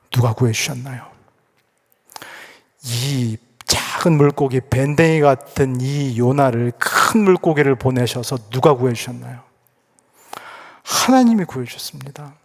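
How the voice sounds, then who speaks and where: A male pastor preaching a sermon, asking rhetorical questions and repeating phrases for emphasis. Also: medium pitch. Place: church sanctuary. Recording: echoey church hall.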